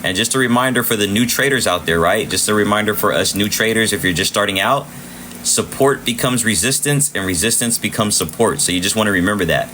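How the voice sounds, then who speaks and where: On a live trading stream, a man with a lowish voice talks fairly quickly through the charts in a casual way. He chats, repeats himself, and thanks viewers by name as his voice gives out, with slight background noise.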